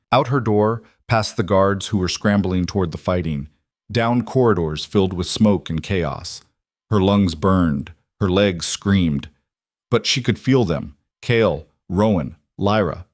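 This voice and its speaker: A man reading a dramatic fantasy story as scripted narration, in a measured, dramatic way. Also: low voice, no echo, studio quality.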